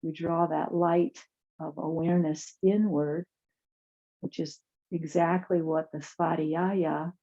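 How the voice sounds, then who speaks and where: Soft, mellow, creaky-voiced woman guiding yoga. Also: low voice, steady tone, muffled recording. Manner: soft, soothing, unhurried guidance with pauses. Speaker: chair yoga teacher. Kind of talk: guided yoga class and relaxation.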